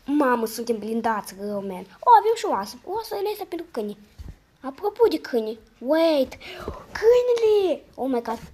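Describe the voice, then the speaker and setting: A woman with a hoarse voice giving casual, slangy gameplay commentary, muttering to herself between sudden loud outbursts. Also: fairly high pitch, slight background noise. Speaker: gamer.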